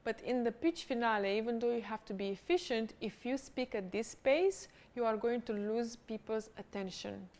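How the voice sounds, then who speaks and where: A woman coaching a pitch workshop, giving direct, encouraging instructions. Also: moderate pace, few pauses, darkish tone.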